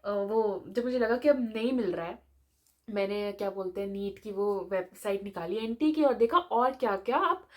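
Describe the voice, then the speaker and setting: Young female vlogger, medical student, chatty storytime, fairly high voice. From India. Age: young adult. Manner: chatty, mixing Hindi and English. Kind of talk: casual storytime vlog.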